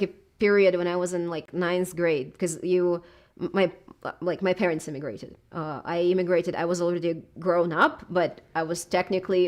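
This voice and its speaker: A woman in her thirties from southern Russia, with a Russian accent, who chats casually and hesitantly in an interview and fills her talk with many filler words. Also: fairly low pitch. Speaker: YouTuber being interviewed.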